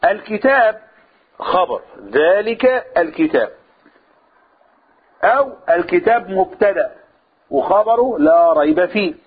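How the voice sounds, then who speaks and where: A man's voice: high-pitched, lively intonation, unhurried, pauses often, slightly rough. A man with an Egyptian Arabic accent, teaching a Quran commentary lesson. He explains by asking his own questions and answering them. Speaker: religious teacher. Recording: tinny phone-like sound.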